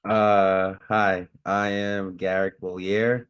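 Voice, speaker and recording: Hesitant man with a deep, slow voice, dry close sound, unsure of himself. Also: little pitch movement, a bit bright, clear, resonant tone, no echo, dull audio. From New Jersey.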